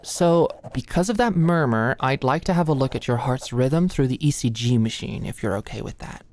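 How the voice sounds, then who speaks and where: In a soft, intimate ASMR roleplay, a woman plays a sweet, awkward, anxious young female medical student, explaining earnestly while she stammers and hesitates nervously. Her voice is a rumbling low one at normal speed.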